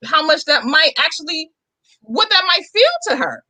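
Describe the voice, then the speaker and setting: A woman's voice: high voice, big pitch swings, moderate pace, sharp tone, dry recording. A woman co-hosting a casual chat podcast, blunt and emphatic. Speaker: podcast co-host.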